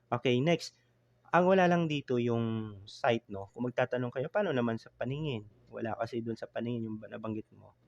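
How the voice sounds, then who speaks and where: A man's voice: mid-range voice, normal speed, no echo, muffled recording. A man teaching Japanese grammar in a casual, chatty online lesson, mixing in English and often checking with "no?". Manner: chatty, code-switching, frequent "no?" tag checks.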